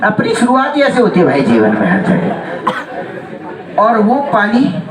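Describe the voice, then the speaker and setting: Male teacher, comic classroom storyteller; high, lively pitch; distant echoey hall, loud student crowd behind. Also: a little slow, heavy background noise. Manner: animated, chuckles often, keeps asking if students follow. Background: students laughing and chiming in.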